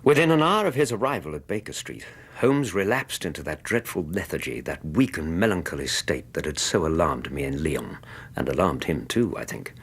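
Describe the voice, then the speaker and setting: An English actor playing a loyal, caring doctor in a radio drama, measured and gentle in narration and dialogue. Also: male voice, rumbling low, big pitch swings, slightly rough, full character voice. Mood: grave, reflective.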